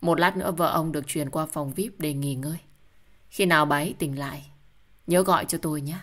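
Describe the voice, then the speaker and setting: A woman voicing a calm hospital doctor who speaks in a matter-of-fact way. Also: sits low, brisk. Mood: clinical.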